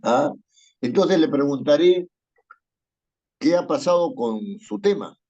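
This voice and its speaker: Writing teacher, male, mellow husky voice, dictates commas and accents, muffled call audio. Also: on the high side, lively intonation, slow pace. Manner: dictates punctuation aloud, checks with "¿no es cierto?". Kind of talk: online class, reading and correcting a text.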